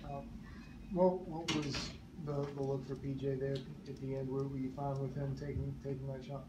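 A man's voice: medium pitch, level tone, normal speed. A man, a reporter, asking hesitant questions at a post-game press conference. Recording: echoey noisy room.

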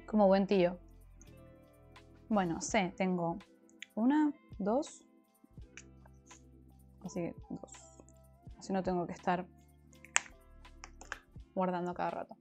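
A former language teacher from Argentina chats casually with her viewers on a crafting stream, speaking with a Rioplatense Argentine Spanish accent and sounding a little congested from allergies. Her voice is warm and fairly low, moving slowly with long pauses as she reads comments, answers chat and explains things at length. The recording is muffled, with faint music behind her.

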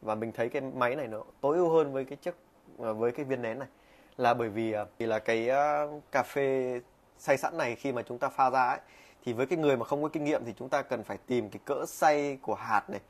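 A man's voice: mid-range voice, fast talker. A man casually demonstrating a coffee maker at his desk, talking with lots of fillers and restarts. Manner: chatty, frequent fillers and restarts. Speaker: product reviewer. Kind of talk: casual product demo vlog. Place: small room at a desk.

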